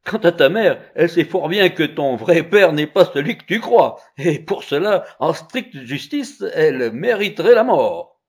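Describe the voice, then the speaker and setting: A man voicing the boy seer Merlin, bold, accusing and solemn, in loud pressing declamation. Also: on the high side, very animated, a little slow, pitched above the performer's own voice, full character voice. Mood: defiant.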